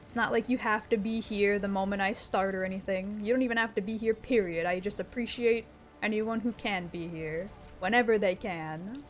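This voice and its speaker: A woman game streamer chatting casually on a livestream in a playful, expressive, sometimes sweary way. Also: medium pitch, normal speed. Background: game music.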